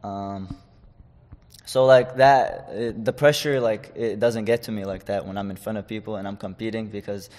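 Young fighter from Chechnya, lower-pitched man, casual interview talk, some hall reverb. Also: fairly even intonation, moderate pace, darkish tone. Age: 20s. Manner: loose, rambling, many fillers and restarts. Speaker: guest, amateur fighter.

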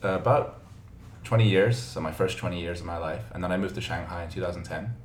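A man's voice: low-pitched, fast talker, a little hiss or hum. A man from Hong Kong, a podcast guest telling stories in an easygoing, self-deprecating way. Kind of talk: casual podcast chat. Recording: roomy echo.

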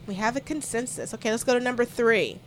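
A woman's voice: a little high, expressive, fast talker, a little hiss or hum. A woman co-hosting a playful quiz game, reading out clues and laughing often. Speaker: game show co-host.

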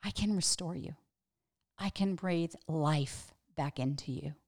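A woman voicing a hushed, tender male teacher. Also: deep voice, slow, full character voice. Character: gentle, compassionate male teacher speaking softly.

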